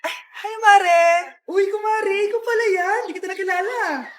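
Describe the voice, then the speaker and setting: A woman with a very high voice acts out every part in short family comedy skits. She switches quickly from one character to the next and often breaks into shouting. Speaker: comedy sketch creator. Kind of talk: comedic skits playing many family roles.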